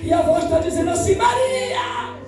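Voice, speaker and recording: A woman missionary preaching a fervent Pentecostal sermon, often shouting and half-singing her phrases. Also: sits high, fairly even intonation, moderate pace. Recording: echoey church from far off with music.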